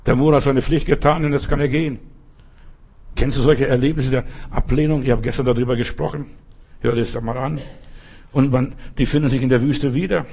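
Husky preacher man, emphatic. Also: mid-range voice, steady tone, a little fast, darkish tone. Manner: emphatic, direct address, repeats key phrases. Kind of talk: sermon.

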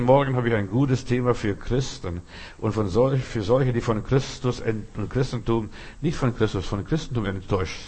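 Male pastor preaching, mid voice, repeats himself for emphasis, talks straight to you, slows down on the big lines. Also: medium pitch, darkish tone, husky. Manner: preaching with repetitive emphatic phrasing, addressing listeners as du. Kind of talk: sermon.

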